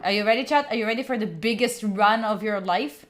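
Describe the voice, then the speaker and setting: A young Italian woman streams a game and chats with her viewers, speaking a little fast at a medium pitch over slight background noise. She talks straight to chat in a chatty way and cheers her character on with sudden squeals.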